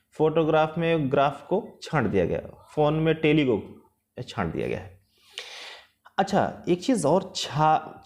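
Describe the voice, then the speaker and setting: A man teaching an English lesson with patience, repeating and rephrasing each point, slow and careful in English and quicker in the rest. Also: fairly high pitch, a little mellow. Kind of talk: explanatory lesson mixing Hindi and English.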